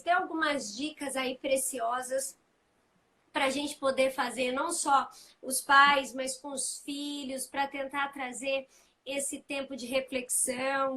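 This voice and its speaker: An upbeat, playful woman hosting a live-stream talk, with a high voice. Faint background noise sits under her speech. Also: sharp tone, poor audio. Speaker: host.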